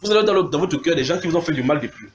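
Animated French-speaking preacher man, lively sermon. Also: fairly high pitch, rapid-fire, highs cut off. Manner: animated, mimics sounds and gestures, calls out to the congregation.

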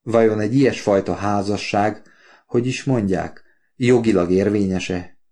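A man's voice: lowish voice, steady tone, dark tone, natural voice. A man voicing an earnest, talkative older father in an audiobook, pleading and heartfelt. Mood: wounded. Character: warm talkative older working-class father. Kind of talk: audiobook character voice.

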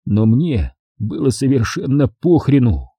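A man's voice: medium pitch, big pitch swings, unhurried, warm tone, husky, no room sound. A man reading a first-person audiobook in an intense, brooding way, recorded close and dry. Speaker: audiobook narrator. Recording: dry close-miked studio sound.

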